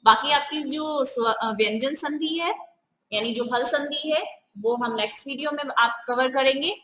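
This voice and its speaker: A woman's voice: high-pitched, normal speed, pushed and bright, roomy sound, a little hiss or hum, low-quality recording. A woman teaching a grammar lesson step by step, often asking the viewers questions. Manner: repeats "ठीक है", asks the viewers questions.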